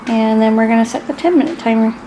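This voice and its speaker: A woman's voice: fairly high pitch, quick pace. A young woman casually narrating a home vlog, tracking times and minutes in a matter-of-fact way. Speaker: vlogger parent. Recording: noticeable background noise.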